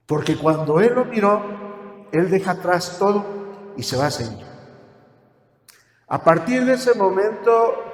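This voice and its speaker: A man preaching a sermon as a pastor, telling the story in a lively way and asking his listeners questions. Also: sits high, reverberant, big-room sound. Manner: animated storytelling with rhetorical questions to the congregation.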